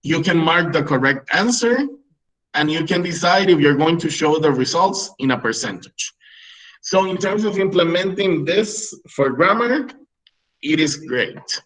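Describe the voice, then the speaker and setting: A native Spanish speaker from Peru, a man in his thirties, teaches English teachers in a video-call webinar. He's explanatory and expressive, unhurried, with a slightly high, fairly bright voice and frequent "right?" checks. The audio is poor.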